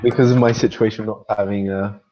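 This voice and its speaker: A man's voice: on the low side, steady tone, brisk, mellow. A man joining a webinar over a video call, giving brief, hesitant answers. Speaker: webinar participant. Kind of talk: casual call conversation. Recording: dull video call audio.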